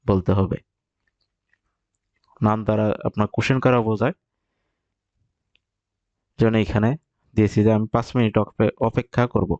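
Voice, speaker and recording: A man teaching Japanese vocabulary, explaining step by step and repeating example phrases slowly. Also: lowish voice, a little mellow, no room sound, muffled recording. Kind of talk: recorded vocabulary lesson.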